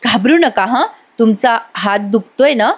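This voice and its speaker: Calm male doctor, measured questions, woman narrator voicing, high-ish voice. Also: slightly rough. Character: calm male doctor, coolly exposing a fake injury.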